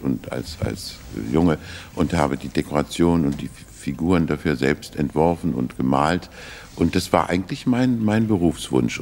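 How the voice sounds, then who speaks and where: A very low-voiced older man tells his life story at an easy pace. He is thoughtful and anecdotal, and he often restarts a phrase as he remembers. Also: a little mellow. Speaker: interview guest, actor. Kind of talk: relaxed reminiscing interview.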